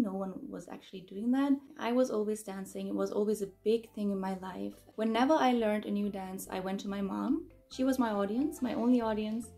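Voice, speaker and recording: A woman in her mid-twenties, raised in Germany, chats upbeat from her bedroom as a YouTuber answering fan questions in a casual Q&A vlog. Her voice is mid-range and mellow.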